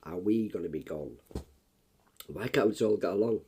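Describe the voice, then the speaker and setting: A middle-aged man, hoarse and coughing after just waking up, giving a rambling, blunt, swearing early-morning rant. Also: sits low, normal speed, warm tone, a little hiss or hum. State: hoarse, coughing, frog in throat. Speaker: YouTuber.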